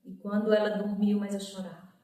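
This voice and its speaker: As a guest, a woman gives an emotional personal testimony, storytelling and acting out the voices in her story with rising pitch for quoted speech. Her dark voice holds a level tone at a fairly quick pace. The mic sits at a distance in an echoey room.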